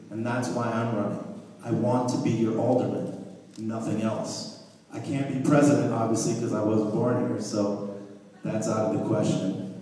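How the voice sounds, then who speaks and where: A man's voice: on the low side, dark tone. A man from Argentina, a candidate, answering a debate question in earnest, plain words. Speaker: aldermanic candidate. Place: large hall with stage. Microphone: far phone camera. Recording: echoey hall from far off.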